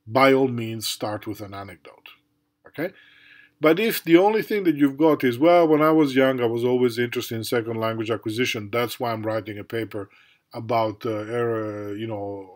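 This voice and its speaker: Man, middle-aged, college lecture, casual delivery, lots of "right?" and "okay?", ordinary pitch. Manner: conversational, many fillers and tag questions. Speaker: university professor. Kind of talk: recorded lecture.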